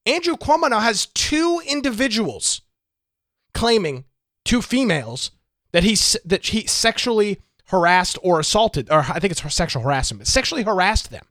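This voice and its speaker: A man's voice: sits high, sing-song, moderate pace, a bit bright, dry recording, studio quality. Opinionated male political talk host. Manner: opinionated, rhetorical questions.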